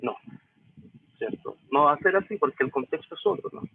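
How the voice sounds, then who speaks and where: Gravelly and husky, a slightly high male voice explains a reading step by step, expressive and a little fast. He's an English teacher with a Chilean accent who keeps checking with "¿sí?" and "¿cierto?". The lesson recording sounds tinny and lo-fi, like a phone.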